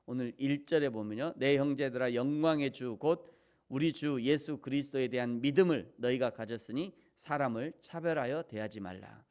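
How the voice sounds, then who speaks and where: A man's voice: medium pitch, normal speed, a little mellow, smooth. A man pastor giving a morning devotional sermon, speaking in a conversational way with fillers and rhetorical questions.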